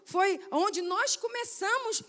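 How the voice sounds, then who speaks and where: A Brazilian woman from Rio de Janeiro with a very high voice tells her conversion story from the pulpit. She brings the people in it to life in her telling and keeps drawing the congregation in. Her voice carries a long church-hall reverb. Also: slow. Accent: Brazilian Portuguese, Rio de Janeiro. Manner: animated storytelling, acts out quoted voices, frequent "né?" and "amém?". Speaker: guest missionary speaker. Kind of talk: testimony sermon. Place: church sanctuary.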